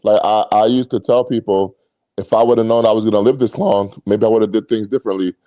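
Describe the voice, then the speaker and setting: A low-voiced man hosts a boxing chat, asking his questions slowly and carefully and backing his guest with quick agreements. His tone is dark and mellow. The sound is dry and a little dull, like a lo-fi mic. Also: fairly even intonation, no room sound. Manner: short agreeing replies, slow careful questions. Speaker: podcast co-host. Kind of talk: casual interview talk.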